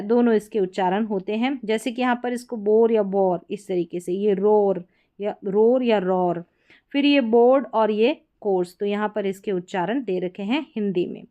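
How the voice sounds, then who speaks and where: A woman teaching English pronunciation in a lesson, explaining spelling rules and reading example words aloud slowly. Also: a little high, darkish tone. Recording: dull, lo-fi sound.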